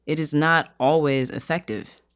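An advocate for crime victims, explaining calmly in an interview. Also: mid-range voice, normal speed.

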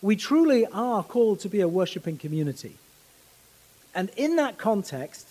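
A man preaching a sermon in a measured, earnest way, pausing to stress his words. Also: high voice, a little mellow, in a large hall, low-quality recording. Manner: measured, earnest, with slow emphatic pauses.

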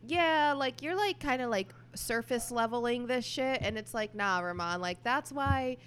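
Female podcast co-host, frank and fast, casual swearing, direct opinions. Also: a little high, a bit bright, clear, resonant tone. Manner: blunt, quick, swears freely. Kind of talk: casual chat.

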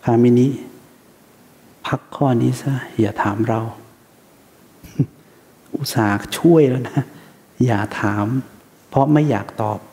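A man's voice: mid-range voice, takes it slowly, pauses often, warm tone, big-room sound. A man teaching a Buddhist dharma talk in a conversational manner, asking rhetorical questions and acting out the voices he quotes.

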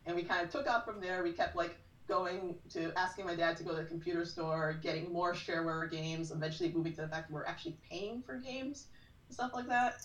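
A woman's voice: on the low side, fairly quick, fairly bright tone. Chatty woman in a roomy echo. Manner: chatty storyteller, frequent "like". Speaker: podcast guest. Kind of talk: casual chat. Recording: roomy, distant from mic.

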